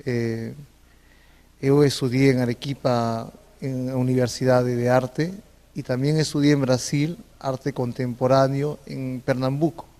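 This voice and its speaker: Slow, halting man with a Peruvian Spanish accent. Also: medium pitch, level tone, warm tone, big-room sound. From Peru. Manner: hesitant, many filler sounds, halting non-native phrasing. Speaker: interview guest, visual artist. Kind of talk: interview answers.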